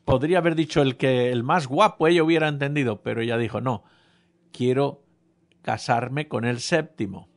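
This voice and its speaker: A man's voice: mid-range voice, brisk. A man preaching a sermon, telling a humorous personal story and speaking directly to the congregation. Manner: humorous storytelling, addresses audience.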